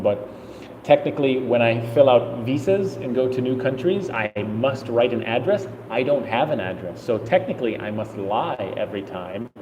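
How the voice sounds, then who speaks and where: A man's voice: mid-range voice, mellow, muffled recording, slight background noise. Thirties male travel vlogger, casual rambling Q and A, echoey room with a long tail. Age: 30s. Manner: casual, rambling, thinks aloud while reading chat. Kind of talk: live stream Q and A.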